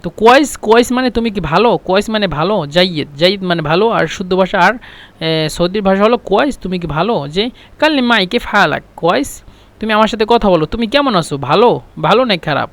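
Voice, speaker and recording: High-voiced man teaching Arabic phrases. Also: lively intonation, a bit bright. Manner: explains phrases by repeating them slowly with hesitations. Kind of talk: casual spoken lesson.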